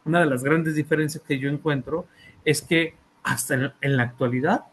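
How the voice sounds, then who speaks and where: A man with a Mexican accent, an author and therapist, talks about his book in an academic presentation, hesitating with fillers and repeated words and often checking on his listeners. His fairly high, fairly bright voice keeps a fairly even intonation at normal speed.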